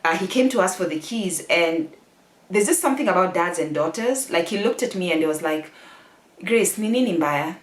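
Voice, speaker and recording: A woman's voice: fairly low pitch, lively intonation, brisk. A Kenyan woman vlogger telling a personal story candidly and emotionally, laughing often as she tells it. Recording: echoey room.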